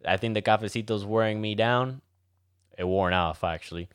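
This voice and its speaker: A man's voice: on the low side, moderate pace, clear, resonant tone. A man with a Miami Cuban accent co-hosting a casual chat, joking and switching between English and Spanish. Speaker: podcast co-host.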